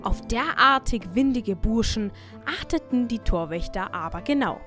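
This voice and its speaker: A woman's voice: on the high side, animated, moderate pace, a bit bright. A woman narrating a children's story as a scripted audio tale. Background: faint music.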